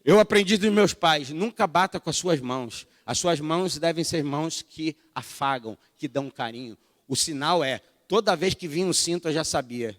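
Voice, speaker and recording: Middle-aged pastor, storytelling sermon, high-pitched for a man, echoing church hall. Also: moderate pace. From Brazil. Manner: conversational, storytelling, addresses the congregation as brothers.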